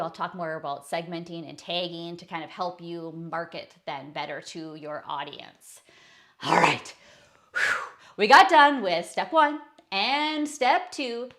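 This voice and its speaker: A woman's voice: lowish voice, bright, forceful tone. A woman coaching online business owners in a casual screen-share tutorial, chatty and self-correcting as she talks through her slides.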